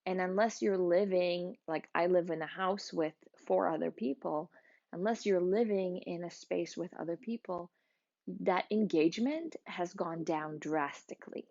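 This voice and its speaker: A woman with a lowish voice and plenty of vocal fry talks to the camera as a wellness practitioner. She explains a grounding exercise informally, in short conversational phrases with pauses. The recording is dull and slightly muffled. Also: dark tone. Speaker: energy healing practitioner giving a wellness exercise.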